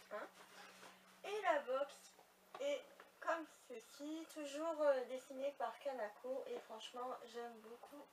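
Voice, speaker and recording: A young woman chatting casually to her viewers while unboxing, with lots of fillers and little asides. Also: high-pitched. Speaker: beauty vlogger. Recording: slightly distant mic with faint noise.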